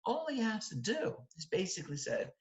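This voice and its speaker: A middle-aged man teaching literature lectures emphatically into a nearby webcam indoors, posing frequent rhetorical questions and check-in tags as he explains. His high-pitched voice swoops wildly and moves briskly, and the room gives the recording a roomy echo.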